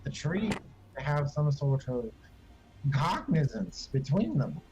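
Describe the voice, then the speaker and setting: A man's voice: on the high side, sing-song, slow, lo-fi sound, background noise. A man playing a tabletop game, making blunt dry quips. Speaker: player. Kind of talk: casual tabletop play.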